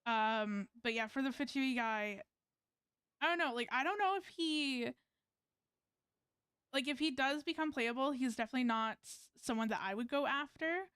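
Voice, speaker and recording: A young Canadian woman with a high, fairly bright, smooth voice streams a game at a moderate pace, recorded in studio quality with no room sound. She chats casually with her viewers, rambling and hesitant, full of fillers and restarts.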